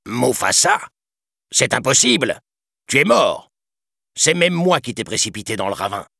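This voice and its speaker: A cornered lion tyrant yelps and pleads in a thin, high voice, far above the deep tone of the reader who puts him on. He sounds treacherous and frantic. There is a husky grain to it, and the recording is close and dry. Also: wildly swooping pitch, a little slow, bright, forceful tone, no echo, exaggerated voice. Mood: disbelieving.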